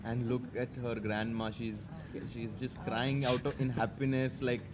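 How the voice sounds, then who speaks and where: A man with an Indian accent co-commentating excitedly on chess, exclamatory, mostly in English with bits of Hindi. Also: medium pitch, a little slow, a crowd in the background. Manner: exclamatory, enthusiastic. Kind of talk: excited live sports commentary.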